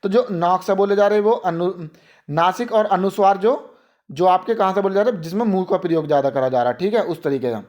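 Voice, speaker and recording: High-voiced man teaching a grammar lesson. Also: a little mellow, lo-fi sound. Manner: asks questions then answers them himself; drills examples by repeating them slowly. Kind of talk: exam-prep grammar lesson.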